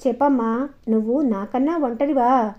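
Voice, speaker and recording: A woman's voice: a little high, normal speed, close to an everyday voice. A woman storyteller voicing a grieving elderly grandmother who speaks reproachfully and tenderly in a dull, lo-fi recording. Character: grieving elderly grandmother, gentle but firm.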